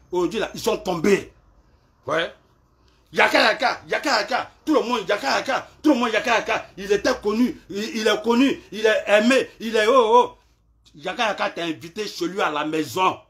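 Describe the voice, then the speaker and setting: A man rants in a live video, his voice high and bright. He taunts and repeats himself, jumping from shouts down to low mutters. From Ivory Coast. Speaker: social media clasher.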